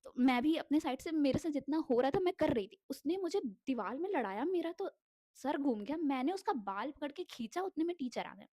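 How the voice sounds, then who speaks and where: High-voiced young woman telling a story. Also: a little fast, no echo. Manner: animated, mixes in English words, swears freely. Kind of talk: casual storytime vlog.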